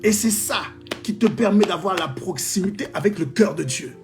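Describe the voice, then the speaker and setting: Lively man preaching over faint music. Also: sits high, normal speed. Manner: lively, exclamatory, jokes and laughs with viewers. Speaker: preacher leading a live prayer stream. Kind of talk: live-streamed sermon and testimony reading.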